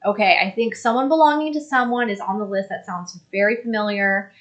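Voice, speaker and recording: A woman's voice: mid-range voice, brisk. A young woman co-hosting a casual live stream, reading viewer comments aloud and laughing easily. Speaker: co-host reading live chat.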